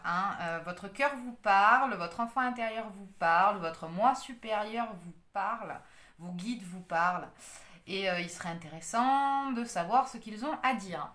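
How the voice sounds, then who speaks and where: Woman, casual tarot reader, halting delivery full of fillers, mid-pitched, echoey room. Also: a bit bright. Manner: hesitant, many fillers and restarts. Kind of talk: casual astrology card reading.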